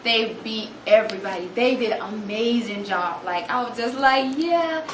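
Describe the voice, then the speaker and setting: A young woman gives an animated storytelling talk to an audience, acting out quotes in a higher voice. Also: normal speed. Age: young adult. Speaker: student speaker. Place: room with an audience. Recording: echoey room, noticeable background noise.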